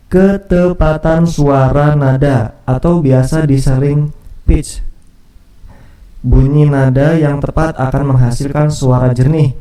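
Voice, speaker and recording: Male teacher, mellow tone, casual lesson voice-over with fillers; roomy, off-mic recording. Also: mid-range voice, recorded from a distance. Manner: casual explaining with fillers and restarts. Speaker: music teacher.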